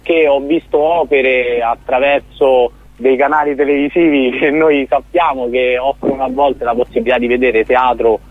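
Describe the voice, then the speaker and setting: On a phone-line radio interview that sounds tinny and dry, a man who founded a startup explains his project in earnest, often restarting. He keeps a medium-pitched, steady voice at a moderate pace, with hardly any pauses.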